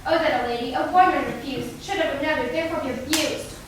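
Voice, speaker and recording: A lovelorn young maiden, played by a woman pleading in high, emotional verse. The voice rings through an echoey hall and is picked up from far away. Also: quick pace, background noise, natural voice.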